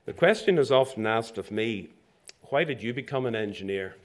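An older man from Zambia giving a formal inaugural address as president of a professional institution, speaking from a lectern in a lecture hall with measured delivery and dry asides. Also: medium pitch, animated. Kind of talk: formal prepared speech.

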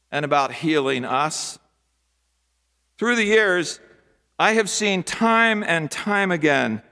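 An older man preaching a sermon from a church pulpit, with rhythmic, repetitive phrasing and emphatic pauses. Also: high-pitched, fairly bright tone. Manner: gestures broadly with both hands while preaching. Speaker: pastor. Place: large church sanctuary, at a wooden pulpit. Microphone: pulpit microphone. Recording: long church hall reverb.

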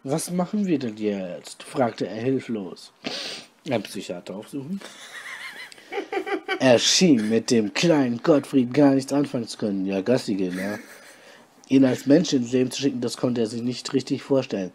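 A man reading a story aloud with deadpan, mocking asides. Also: mid-range voice, moderate pace, breathy edge. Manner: deadpan, mocking, comments on his own reading. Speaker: podcast host reading his story aloud.

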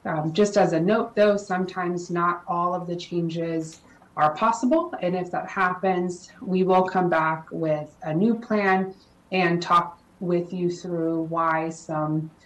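A woman consultant giving a formal presentation to a city council, explaining plans in a measured way with frequent ums and uhs. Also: on the low side. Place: council chamber. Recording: echoey chamber audio.

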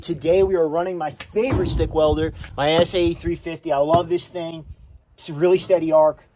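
A young mobile welder with a fairly high pitch and fairly even intonation talks fairly quickly, casually explaining his work outdoors beside a trailer. He's laid-back, swears now and then, and plugs his gear in this how-to narration. A loud generator, engine, and work noise fill the background.

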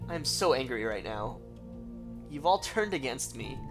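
A man's voice: mid-range voice, very animated, measured pace, over music. A man reading out a corny, pun-loving middle-aged dad from a video game, jokey and mock-offended.

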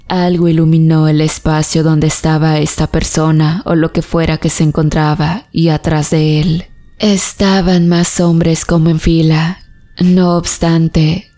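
A woman narrating a first-person horror story in a slow, even, somber way. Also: lowish voice. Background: faint background music.

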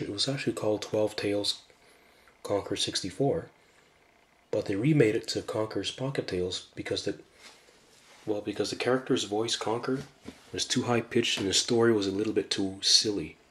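A man giving a casual video game review in a hushed voice, rambling and often restarting his sentences. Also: lowish voice, a little fast. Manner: hushed, keeping voice down.

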